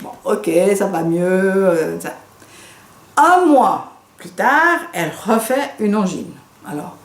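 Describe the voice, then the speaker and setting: French woman telling a lively case story. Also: mid-range voice. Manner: lively, animated storytelling with quoted dialogue. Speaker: doctor and trainer. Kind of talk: storytelling lecture. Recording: echoey room.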